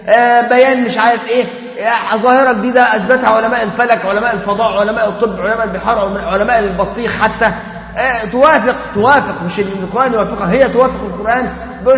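A middle-aged man with an Egyptian Arabic accent preaching an animated, colloquial sermon in a mosque, full of rhetorical questions and asides. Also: very high voice. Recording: echoey hall, dull lo-fi sound.

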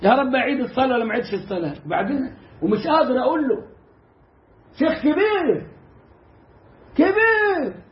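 A man with an Egyptian Arabic accent teaching Quran recitation in a casual, animated way, mimicking mistakes and drawing out the correct sounds. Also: very high-pitched, roomy sound, lo-fi sound. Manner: animated, mimics mispronunciations and demonstrates slow recitation. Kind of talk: casual lesson.

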